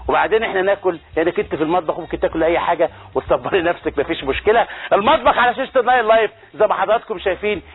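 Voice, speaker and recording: A man's voice: high voice, racing, hardly any pauses, husky. A man with an Egyptian Arabic accent hosting a TV cooking show, demonstrating dishes with exclamations and playful banter toward the crew. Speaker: TV chef and cooking show host. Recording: tinny phone-like broadcast audio with faint music.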